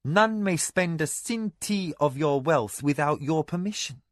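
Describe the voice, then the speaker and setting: A man voicing a cool, flat-spoken young noblewoman. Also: on the high side, a little slow, dry recording, clean studio sound, pitched above the performer's own voice. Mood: restrained. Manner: flat, controlled, restrained. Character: composed young noblewoman, quietly determined wife.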